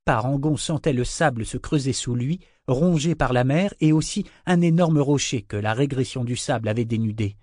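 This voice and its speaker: A man reading a novel aloud in measured scripted narration. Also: medium pitch, a little mellow, dry recording, studio quality. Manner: measured, storytelling. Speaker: audiobook narrator.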